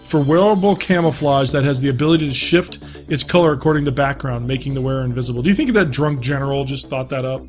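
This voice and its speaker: A man's voice: medium pitch, fast talker, hardly any pauses, faint music behind. A man co-hosting a podcast in casual, profane banter, joking and laughing often. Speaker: podcast co-host.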